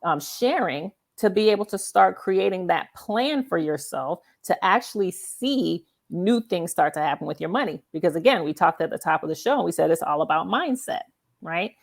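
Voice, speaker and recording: A talk show host with a lowish, gravelly, expressive voice speaks at a normal speed. She runs a conversational interview, making her points emphatically and frequently checking in with "right?".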